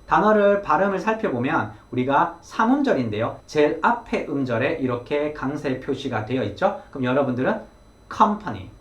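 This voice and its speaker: Male teacher, slightly high, animated delivery, encouraging; roomy echo. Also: fairly quick, hardly any pauses. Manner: lively, encouraging, models words aloud. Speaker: English pronunciation teacher. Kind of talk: explanatory lesson. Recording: echoey room.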